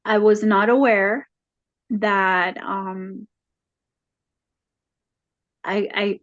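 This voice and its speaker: A woman as a counseling client, retelling a home conflict haltingly with many fillers, her voice rising when upset. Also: mid-range voice, fairly even intonation, a bit bright, no room sound, dull audio. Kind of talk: emotional retelling in a counseling session.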